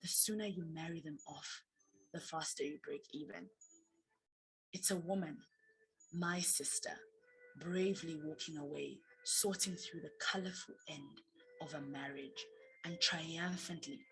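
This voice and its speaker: A woman's voice: deep voice, unhurried, creaky, a bit bright, husky, rough recording. A woman from Zambia reading her own reflective personal story as recorded narration. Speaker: student storyteller. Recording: narration with faint background music.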